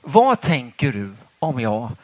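A man's voice: mid-range voice, sing-song. Man preaching a conversational sermon. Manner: asks the congregation questions, conversational preaching. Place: church.

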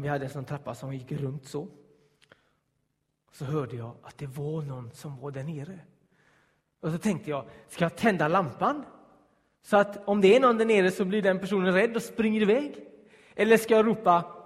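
Man, storyteller, suspenseful, hushed at tense moments, fairly high voice, long reverb. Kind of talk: personal story told aloud.

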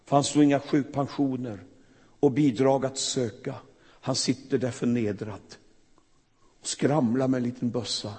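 A man preaching a fervent, emotional sermon in a church, swinging between loud and soft. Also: medium pitch, fairly even intonation, slightly rough, long reverb tail.

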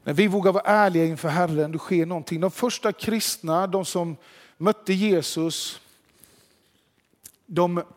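A male preacher with a notably high voice moves from a playful story into his sermon. His delivery is lively, and he drags out words when he wants them to land. Long reverb from a large hall hangs behind everything he says. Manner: lively storytelling, slows down for emphasis.

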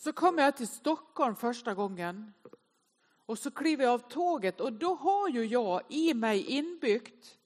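A woman gives a humorous Sunday sermon, speaking with a somewhat high voice. She tells self-mocking stories in an animated way and talks straight to the congregation. Her voice rings out with a long reverb through a large church hall. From inland northern Sweden.

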